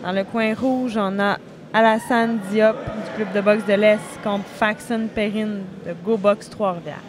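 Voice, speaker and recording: A woman's voice: medium pitch, fairly even intonation, a little slow. A woman with a Quebec French accent giving casual, somewhat hesitant live commentary on a boxing match. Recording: heavy background noise.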